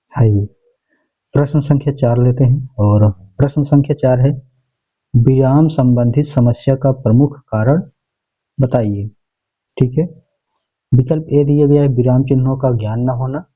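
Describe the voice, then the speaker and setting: A man teaching a lesson at a middle pitch, working through an exam paper step by step. He reads out each option in turn and keeps checking in with his students. The recording sounds dull and lo-fi. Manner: methodical, reads out each option, repeats "okay" often.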